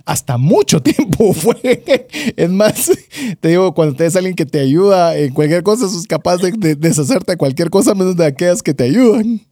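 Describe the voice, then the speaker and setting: A man's voice: high voice, expressive, moderate pace, dark tone, no room sound, studio quality. A man hosting a podcast, hesitating and restarting as he builds long questions for his guest. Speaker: podcast host. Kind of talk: interview questions.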